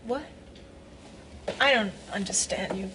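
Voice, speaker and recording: A woman's voice: medium pitch, slow pace, background noise, close to an everyday voice. An actress playing a restless, defiant young woman in a soap opera. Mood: defensive, defiant. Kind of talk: television soap opera acting.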